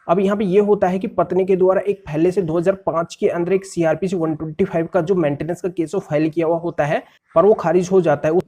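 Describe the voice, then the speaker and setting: Guy lawyer walking through a court case, warm low-key tone, keeps rewording the legal bits plainly. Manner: explains step by step, rephrasing terms in plain words. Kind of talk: legal explainer video.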